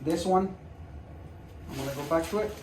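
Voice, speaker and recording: A doctor with a higher-pitched, slightly mellow voice talks at normal speed while performing a hand procedure in a clinic room. He walks the patient and viewers through it casually and reassuringly, repeating himself as he demonstrates. The distant mic picks up room echo and background noise.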